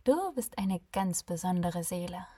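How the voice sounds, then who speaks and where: A woman voicing a calm female ferryman between life and death, warm and friendly with a sarcastic bite, in a breathy voice. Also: on the low side, a little slow, no echo. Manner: warm, friendly, softly teasing.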